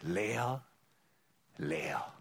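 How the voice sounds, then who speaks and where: A man reading aloud in a sermon, voicing a proud elderly aunt who weeps in despair, hushed and broken. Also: medium pitch, sing-song, unhurried, voice pushed down, exaggerated voice.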